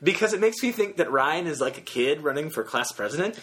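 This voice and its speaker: A man co-hosting a casual podcast from a friend's house, chatty and working through numbers out loud. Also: a little high, animated, fairly quick. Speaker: podcast co-host.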